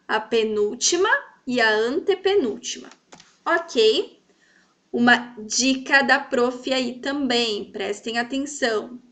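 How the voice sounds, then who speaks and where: A woman teacher with a high, bright voice, explaining to young pupils. She draws example words out slowly and keeps checking that the class follows. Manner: sweet, coaxing, checks in often. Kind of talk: children's grammar lesson.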